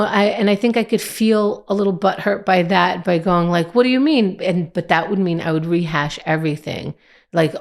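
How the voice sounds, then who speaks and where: Woman vlogger, slightly low voice, reflective personal storytelling, halting with restarts.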